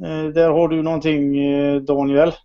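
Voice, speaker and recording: A man's voice: on the high side, level tone. A man co-hosting a casual podcast, laid-back and joking with crude asides. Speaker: podcast co-host. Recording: dull lo-fi podcast audio.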